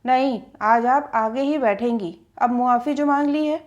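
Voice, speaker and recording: A woman's voice: high voice, lively intonation, moderate pace, darkish tone, lo-fi sound, voice pushed up. A woman voicing a cheeky young male chauffeur who teases and coaxes in a playful, mocking way. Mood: teasing.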